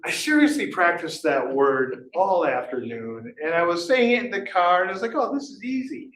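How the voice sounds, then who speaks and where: A man gives a casual talk in a conference room, quizzing the audience and laughing at himself. His voice is fairly high and bright with big pitch swings at a moderate pace, and a little hiss or hum runs under it. The hall is echoey, and at times he sounds distant.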